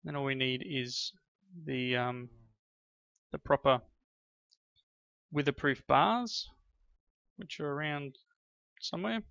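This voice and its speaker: A gaming channel host plays with his kids and narrates, chatty and full of praise and encouragement for them. His gravelly, bright voice sits at medium pitch, slow with frequent pauses, on a dry, slightly dull lo-fi recording.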